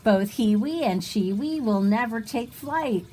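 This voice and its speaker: A high-voiced woman reads a rhyming children's book aloud in a sing-song way, her pitch swinging widely as she takes her time and slips in little asides for her young audience. She sounds animated yet mellow and a little slow. The recording is rough, with light ambient noise behind her.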